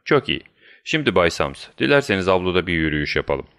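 A man voicing a shrewd, composed male detective who speaks in a measured, commanding way, in a deep voice. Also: sing-song, a bit bright, smooth, full character voice.

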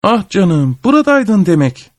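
A man's voice: high voice, big pitch swings, unhurried, no room sound, studio quality, pitched above the performer's own voice. A man voicing a small bird that mockingly chirps back the words of others in a storybook tale. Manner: chirping mimicry.

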